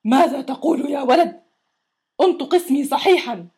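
An indignant, pompous neighbor who shouts and scolds, as a woman plays him. The voice is pushed high and loud, with a strained, unusual tone in a storybook reading. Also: a little fast, slightly rough. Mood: furious. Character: angry, pompous middle-aged male neighbor.

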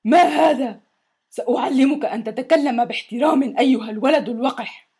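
A woman voicing an angry, pompous middle-aged male neighbor in a children's story, shouting and scolding. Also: high-pitched, fairly quick, breathy edge. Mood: furious.

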